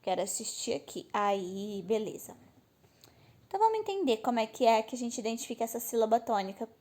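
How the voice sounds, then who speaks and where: A woman's voice: on the high side, animated, a little fast, a little mellow. A woman teacher with a Brazilian Portuguese accent explaining a lesson to children, friendly and often checking in with her pupils. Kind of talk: online class explanation to children.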